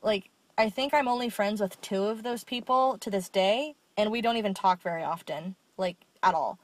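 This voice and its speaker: A woman's voice: mid-range voice, moderate pace. A young woman co-hosting a podcast, telling stories candidly and swearing freely in casual chat. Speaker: podcast co-host.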